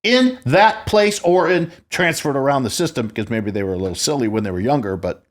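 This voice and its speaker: A man's voice: mid-range voice, animated, fairly quick. A man in his sixties hosting a podcast, telling stories in a boastful, profane, casual way. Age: 60s. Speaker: podcast host.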